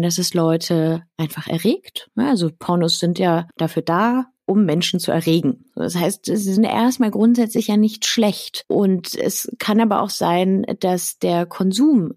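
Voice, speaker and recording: Lively woman sex educator on a video call. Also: lowish voice, no echo, studio quality. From born in Poland, raised in Berlin. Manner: lively, explains with many examples and asides. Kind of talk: casual podcast interview over video call.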